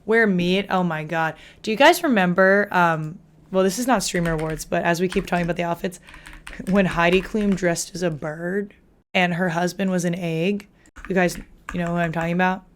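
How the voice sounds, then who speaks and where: A woman's voice: fairly low pitch, fairly even intonation, moderate pace, a little hiss or hum. Chatty young woman streamer. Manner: chatty, frequent "like" fillers, laughs while talking. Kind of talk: casual live-stream chat.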